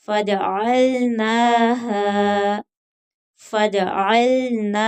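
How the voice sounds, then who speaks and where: A Quran teacher with a medium-pitched, darkish voice teaches tajweed. She recites verses in a drawn-out chant, then explains each letter rule in quick spoken lines.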